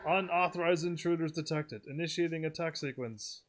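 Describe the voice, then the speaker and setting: A man voicing a mechanical guard robot while reading game dialogue aloud, with a loud, clipped machine announcement. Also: on the high side, brisk, noisy background, lightly acted. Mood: alarmed.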